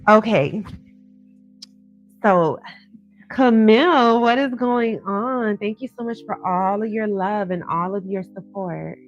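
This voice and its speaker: A woman's voice: mid-range voice, slow. A woman hosting a live psychic hotline as a tarot card reader, talking in a conversational, encouraging and directive way. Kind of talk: psychic hotline patter and casual advice. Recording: dull lo-fi sound with music behind.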